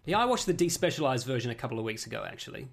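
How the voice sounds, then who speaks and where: A man's voice: mid-range voice, very animated, rapid-fire, vocal fry. A man co-hosting a casual podcast chat in an easygoing, agreeable way. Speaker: podcast co-host.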